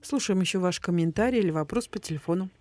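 Lower-voiced woman hosting radio calls. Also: quick pace, a little mellow, no echo, faint music behind. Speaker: radio host.

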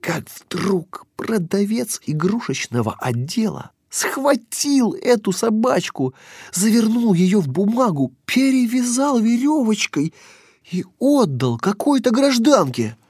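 A man narrating a children's story with an expressive, lilting read-aloud delivery. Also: high-pitched, slow pace, breathy edge, no room sound, clean studio sound.

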